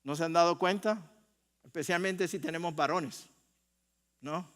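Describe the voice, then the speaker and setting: A man's voice: a little high, unhurried, a bit bright. An older man with a Puerto Rican accent preaching a sermon in a conversational way, asking the congregation questions and joking. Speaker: pastor. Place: church sanctuary. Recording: long church hall reverb.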